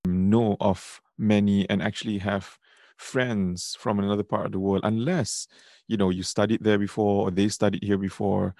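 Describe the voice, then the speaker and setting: A man's voice: on the low side, vocal fry, darkish tone, no room sound, clean studio sound. A man from Singapore with a Singaporean accent, hosting a conversational podcast. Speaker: podcast host.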